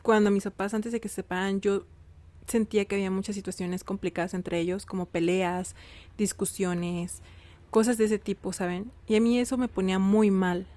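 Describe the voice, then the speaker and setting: A woman's voice: mid-range voice, steady tone, moderate pace, dark tone. A young adult woman, telling her own story to viewers in a casual, confiding way and often checking in with them. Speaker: vlogger.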